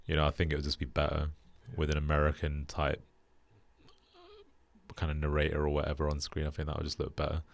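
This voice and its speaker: A young British man hosting a casual podcast chat, relaxed and flat in delivery with lots of fillers. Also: a bass voice, quick pace, gravelly. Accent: British English. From Britain. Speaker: podcast host.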